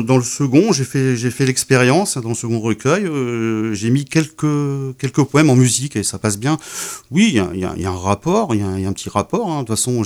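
A man's voice: medium pitch, a little mellow. A middle-aged man, a poet interviewed about his work, who talks hesitantly with many fillers and repeated words. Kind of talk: casual interview talk.

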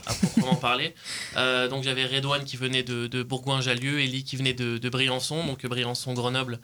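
A young man with a bright, crisp tone speaks in an even, nearly flat line. He is an interview guest describing his own path, pausing on fillers often. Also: mid-range voice. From Portugal. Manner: hesitant, many fillers. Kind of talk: studio interview.

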